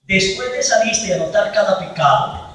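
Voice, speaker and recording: High-voiced male priest preaching in echoey hall. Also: animated, sharp tone, far from the mic. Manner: emphatic preaching, slows and swells on key words. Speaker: priest leading a healing retreat. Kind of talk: sermon.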